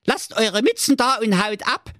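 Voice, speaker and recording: A man voicing a kindly but foul-mouthed ogre wife in a comic fairy tale, speaking in a high, fussy falsetto. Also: bright, forceful tone, no echo, studio quality. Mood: urgent. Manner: fussy, hurried, scolding. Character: kindly sharp-tongued ogre wife, middle-aged.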